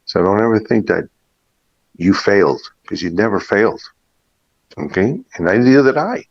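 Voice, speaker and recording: A middle-aged man with a lowish, expressive voice speaks at normal speed while being interviewed about his restaurant and catering life. He reminisces in anecdotes, often quoting what people once said. It's a muffled, echoey room recording.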